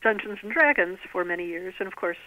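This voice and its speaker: This middle-aged author, phoning into a podcast interview, speaks fast and animatedly in a mid-range voice that sounds pushed and bright. Her answers are articulate, bookish and discursive, carried over a narrow, tinny telephone line.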